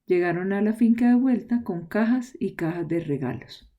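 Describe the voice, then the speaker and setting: A woman hosting a podcast, asking calm questions and reading measured scripted narration. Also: medium pitch. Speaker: podcast host.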